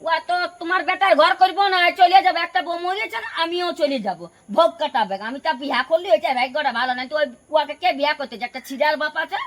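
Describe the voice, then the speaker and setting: A woman's voice: high-pitched, fast talker, few pauses. A woman playing a harsh scolding stepmother. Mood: defiant. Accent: Purulia Bengali dialect. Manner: sharp, scolding, quarrelsome. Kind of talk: village home drama acting.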